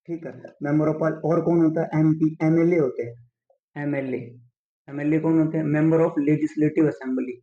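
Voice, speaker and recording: A man teaching a class, asking himself questions and answering them, and slowly spelling out key terms. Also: fairly high pitch. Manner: drills by asking and answering his own questions. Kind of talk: whiteboard lesson. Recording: echoey room, dull lo-fi sound.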